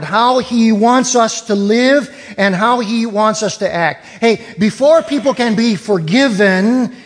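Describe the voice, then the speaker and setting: Man, preacher, sermon, high voice, unhurried teacherly delivery. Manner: deliberate, teacherly, explains word meanings. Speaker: pastor. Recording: long reverb of a hall.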